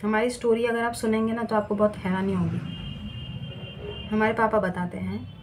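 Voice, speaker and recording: A woman's voice: mid-range voice, moderate pace, a little hiss or hum. Chatty woman tarot reader telling a story. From Bengali family. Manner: animated storytelling, mixing in English words. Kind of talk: casual chat. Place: indoor room at home.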